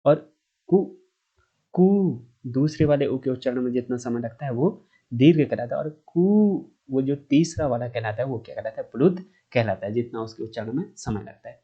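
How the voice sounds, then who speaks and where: A man's voice: medium pitch, moderate pace, breathy edge, muffled recording. Man teaching, drawing out long vowels. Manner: explains step by step, asks himself questions and answers them; draws out vowel sounds to show their length. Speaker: Sanskrit grammar teacher. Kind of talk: online grammar lesson.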